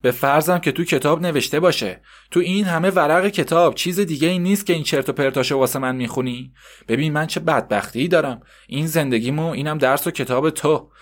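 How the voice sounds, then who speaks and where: A man's voice: on the high side, close to an everyday voice. Man doing a cursing, nagging mother. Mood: furious. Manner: cursing, nagging, sharp-tongued. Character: scolding, short-tempered poor woman, mother.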